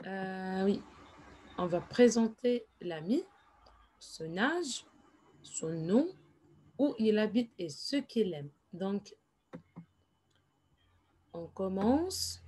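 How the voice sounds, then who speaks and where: A woman teaching in a slow, patient classroom explanation, repeating each phrase and adding English asides. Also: mid-range voice, expressive, dark tone, slightly rough. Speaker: French teacher.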